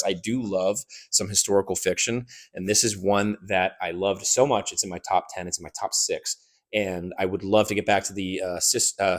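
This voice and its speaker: A young man chats casually about the books he plans to read, rambling and correcting himself as he goes. His voice sits a little low, and his eagerness carries through the stumbles. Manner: rambling, self-correcting, enthusiastic. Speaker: book YouTuber. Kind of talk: casual reading-plans chat.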